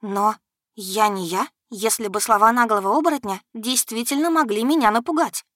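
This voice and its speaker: A woman narrating a first-person audiobook in an expressive, steady storytelling manner. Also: on the high side, normal speed, no room sound, studio quality.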